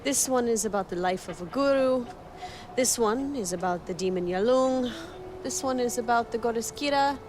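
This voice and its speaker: A woman with a fairly high voice plays a stern, protective young rebel leader in a video game cutscene, giving firm instructions in a guarded, earnest mood. Her acting is light and her pace normal. Loud music plays behind her, making the background noisy.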